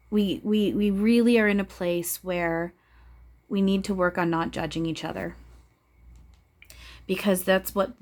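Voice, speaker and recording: A woman giving a casual spiritual talk to viewers, blunt and preachy, swearing freely and repeating phrases for emphasis. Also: on the low side. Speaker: spiritual channeler speaking to viewers.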